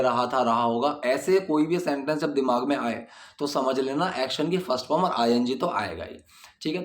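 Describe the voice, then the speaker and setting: A man teaching English grammar, reading example sentences slowly and explaining them patiently. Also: mid-range voice, roomy sound. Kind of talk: explaining grammar in a video lesson. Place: indoors at night, dogs barking outside.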